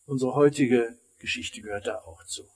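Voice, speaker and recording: A man preaching a sermon as pastor, emphatic, rising high and then falling almost silent. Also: normal speed, a little mellow, husky.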